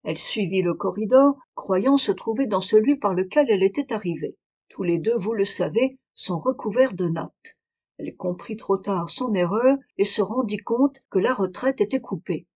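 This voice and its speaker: A cool, sharp detective walks through his deduction step by step, as a woman reader voices him. The delivery stays measured and explanatory, close to the reader's own voice. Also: mid-range voice, slightly rough, close to an everyday voice. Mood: explaining.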